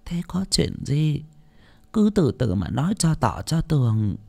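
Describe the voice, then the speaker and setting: A man's voice: very animated, gravelly, darkish tone, heavily acted. A man voicing a frail, half-blind, pious old grandmother in an audiobook story, quavering and tearful. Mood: gentle. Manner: quavering, slow and tearful, rising to shrill wails.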